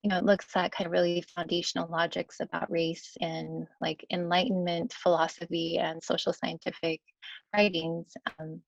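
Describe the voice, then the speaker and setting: A young woman with a lowish, gravelly voice answers questions as a scholar, hedging with fillers and tagging "right?" onto her points. The video call audio is dull and dry. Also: flat delivery, normal speed, dry recording. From United States, Kentucky. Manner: hesitant, many fillers and "right?" tags. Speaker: guest scholar. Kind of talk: online Q&A answer.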